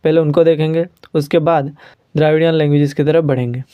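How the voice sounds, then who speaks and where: A man with an Indian accent teaching a language lesson, patiently repeating sounds slowly for learners. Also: a little high, fairly even intonation, clean tone, highs cut off.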